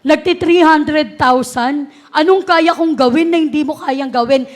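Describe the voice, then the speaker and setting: A boastful jobless top earner, put on by a woman telling a story who brags in a slow, showy way. The voice stays high, a plain woman's voice with little change in it.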